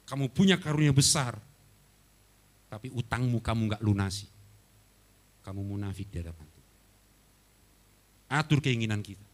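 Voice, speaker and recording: Animated preaching man, lively pitch. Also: normal speed, long pauses. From Batak. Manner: animated storytelling, swings from loud to soft. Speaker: pastor. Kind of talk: sermon. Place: church hall.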